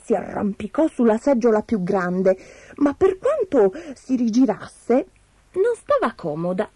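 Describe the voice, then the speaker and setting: A woman reading a fairy tale aloud expressively, slowing down for suspense. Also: on the high side, big pitch swings, dark tone, husky, dry recording. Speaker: storyteller.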